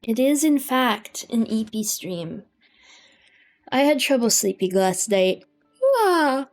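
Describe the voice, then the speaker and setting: A Canadian woman livestreamer chatting casually over a game, rambling in a sleepy, low-key but playful way. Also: slow pace. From British Columbia, Canada. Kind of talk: casual chat while playing a farming game. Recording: music behind the voice. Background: music.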